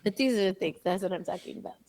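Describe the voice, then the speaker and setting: A woman's voice: medium pitch, lively intonation, racing, darkish tone. A woman co-hosting a podcast in casual chat, playful and giggly. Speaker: podcast co-host.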